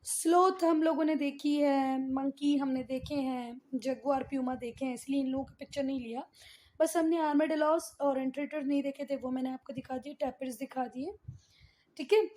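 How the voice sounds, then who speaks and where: This high-pitched, slightly mellow woman speaks at a moderate pace with fairly even intonation during a geography lesson. Switching between Hindi and English terms, she repeats key points and quizzes her pupils kindly.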